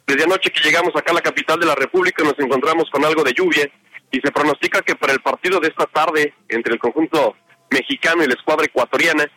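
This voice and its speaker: Bright-voiced man on a live street report. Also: on the high side, fast talker, rough recording. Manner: relaxed, rambling with many fillers. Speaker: field sports reporter. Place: outdoors on a city street.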